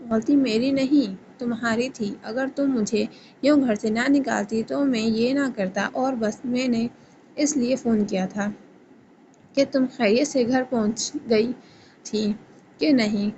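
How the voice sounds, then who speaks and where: A woman's voice: fairly high pitch, mellow, dull audio, a little hiss or hum, natural voice. A woman reading a sulky young man. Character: sulking young man on the phone.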